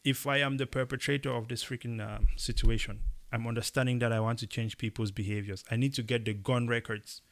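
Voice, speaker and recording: A young man from Cameroon co-hosting a casual opinion chat, talking emphatically and rising into animated bursts. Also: medium pitch, brisk. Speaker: podcast co-host.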